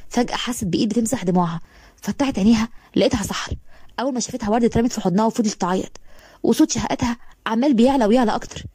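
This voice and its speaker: A woman narrates a romance story in Egyptian Arabic at a rapid clip. Her voice is warm and breathy, slightly high, recorded dry and close. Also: dry recording.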